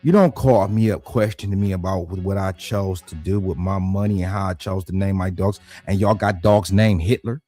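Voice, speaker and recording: A man talks straight into the mic in a dry, close room, faint music playing low behind him. His delivery is blunt and combative, built on one rhetorical challenge after another. His voice climbs high when he gets heated. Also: normal speed, few pauses, warm tone, dry recording. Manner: voice rises high when worked up. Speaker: dog breeder and channel host. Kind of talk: heated casual monologue.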